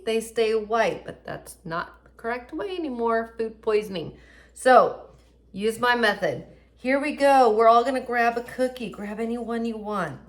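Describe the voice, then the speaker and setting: A woman hosting a casual cooking demonstration in a home kitchen, chatty and upbeat as she talks viewers through each step. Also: a little high. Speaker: cooking show host.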